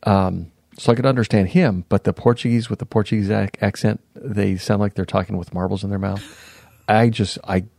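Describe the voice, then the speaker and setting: A man in his fifties, a podcast guest, reflectively recounting his past in a casual interview, pausing and restarting sentences. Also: fairly low pitch, fairly even intonation, creaky, darkish tone, no room sound, studio quality. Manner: reflective, unhurried, often pauses and restarts mid-sentence.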